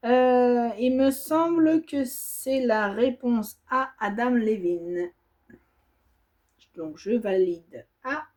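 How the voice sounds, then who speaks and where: Slow-talking woman musing through a quiz. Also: fairly high pitch, darkish tone. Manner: reads options aloud, muses, hesitates; stitching while talking. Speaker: embroidery vlogger. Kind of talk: casual quiz while stitching.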